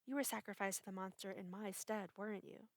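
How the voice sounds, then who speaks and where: A woman voicing a gentle blind young woman who speaks worriedly with a trembling voice. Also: medium pitch, steady tone, fairly quick, no echo, close to an everyday voice.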